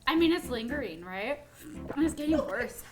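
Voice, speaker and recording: Giggly, high-voiced woman asking questions. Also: lively intonation, normal speed, over music. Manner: giggly, asks lots of questions. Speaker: interviewer, co-worker. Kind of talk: casual chat during a hot wings challenge.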